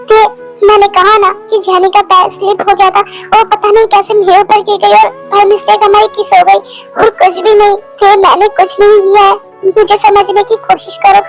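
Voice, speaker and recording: A woman's voice: very high-pitched, level tone, moderate pace, over music, low-quality recording. A woman voicing a heartbroken young man who pleads with his girlfriend and stammers over his words, in a fan-dubbed romance. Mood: pleading. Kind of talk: Hindi fan dub of a romance story.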